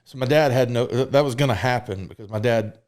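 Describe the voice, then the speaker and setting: A man in his thirties from Mississippi, speaking fast at medium pitch with a darkish tone, tells his life story as a podcast guest. His candid conversational storytelling is frank and open, peppered with fillers and the occasional curse.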